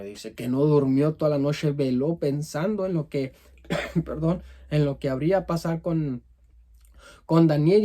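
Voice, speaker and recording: A man preaching with a Latin American Spanish accent. His voice is mellow and a touch high, and he delivers the sermon earnestly, repeating words as he reads scripture.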